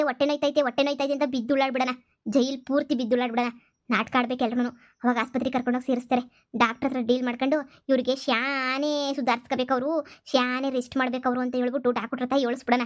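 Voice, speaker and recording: A woman voicing a scheming, bossy village mother-in-law in a cartoon comedy, scolding and wailing loudly. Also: sits high, level tone, quick pace, no echo, highs cut off, lightly acted. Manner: bossy, scolding, wails theatrically.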